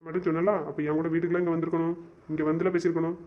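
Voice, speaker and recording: With a level tone close to his everyday voice, a young man plays a wounded, stubborn lover in an amateur web drama. He quickly reels off frustrated, exasperated complaints, insisting and repeating himself. His voice is a bit high for a man, and the recording is dull and lo-fi.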